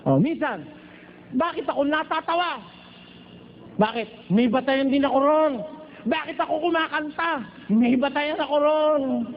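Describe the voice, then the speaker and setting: A man from the Philippines preaching at a Bible study in a teasing, joking way, at times slipping into slow chanted singing. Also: very high-pitched. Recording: dull lo-fi recording with faint noise.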